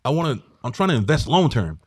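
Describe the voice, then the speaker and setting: A man's voice: mid-range voice, sing-song, fast talker, husky, dry recording, studio quality. A man, chatting casually and earnestly, often restarting his point. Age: 40s. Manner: earnest, hedging with repeated "like". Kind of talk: casual chat.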